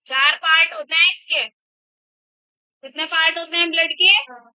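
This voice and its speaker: A woman's voice: extremely high pitch, steady tone, unhurried, bright, forceful tone, no echo. A woman biology teacher lecturing in a classroom, asking the class questions and repeating their answers back, in a dull lo-fi recording. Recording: dull lo-fi sound.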